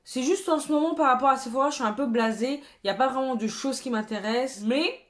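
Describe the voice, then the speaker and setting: A chatty woman beauty vlogger talks casually through a haul. Her voice sits a little high for a woman. She is expressive, with lively exclamatory asides. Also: fast talker.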